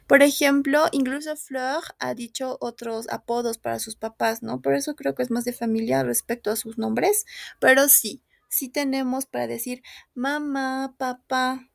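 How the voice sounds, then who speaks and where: A woman leads a French lesson, patiently repeating each word for her students. Her voice sits a little high with a gravelly edge. The sound is dry and close. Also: no echo. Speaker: French teacher. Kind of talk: online class, mixing French and Spanish.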